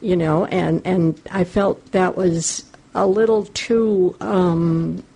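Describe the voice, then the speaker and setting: A woman giving deliberate opinions in a casual book discussion. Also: lowish voice, fairly even intonation, vocal fry, warm tone, breathy edge.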